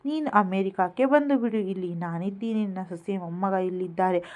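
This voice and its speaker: A woman's voice: mid-range voice, a little fast, darkish tone, close to an everyday voice. A woman reading the lines of a grown son living abroad, chiding and persuading his mother.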